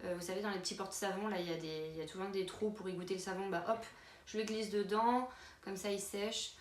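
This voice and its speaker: A woman's voice: medium pitch, steady tone, fast talker. Chatty woman vlogger in a roomy space. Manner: chatty, many fillers and restarts. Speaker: beauty vlogger. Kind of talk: casual product walkthrough. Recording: roomy with faint background noise.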